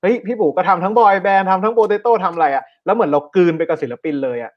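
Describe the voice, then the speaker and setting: A man's voice: high voice, animated, rapid-fire. A man co-hosting a podcast, asking long, rambling questions in a chatty, joking way. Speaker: podcast co-host. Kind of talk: casual podcast chat. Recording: dull lo-fi sound.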